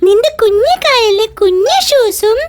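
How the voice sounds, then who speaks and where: A very high, piping cartoon boy who bosses his doll about and scolds his friend. Heavy background noise sits under the voice. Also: animated, a little slow. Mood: cheerful. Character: cheerful little boy Chitti caring for doll.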